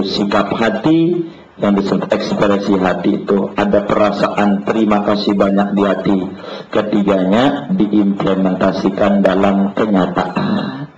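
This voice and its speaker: Low-voiced preacher, chatty and teasing. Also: male voice, darkish tone, a little hiss or hum. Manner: questions the audience over and over, teasing and chatty. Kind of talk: casual sermon to a study group. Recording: roomy, muffled hall recording.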